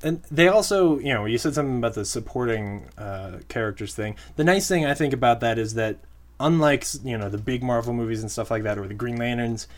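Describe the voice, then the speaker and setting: A man's voice: mid-range voice, brisk. Laid-back male podcast co-host. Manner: relaxed, agreeable, filler-heavy. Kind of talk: casual movie chat.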